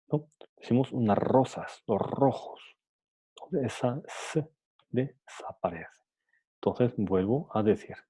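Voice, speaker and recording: Slow gravelly man lecturing on phonetics. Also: medium pitch, mellow. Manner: hesitant, many fillers and restarts; says examples aloud, ends points with "¿no?". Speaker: teacher.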